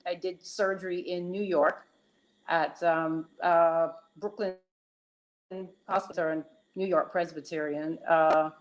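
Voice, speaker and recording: A woman surgeon calling in over a crackly, static-filled phone line, answering hesitantly with many ums and restarts. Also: fairly low pitch. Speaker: guest general surgeon. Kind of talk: call-in interview answers.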